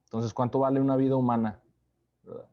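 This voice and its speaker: A man giving a conversational Bible study sermon, unhurried, often checking in with listeners through tag questions. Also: mid-range voice, level tone, lo-fi sound.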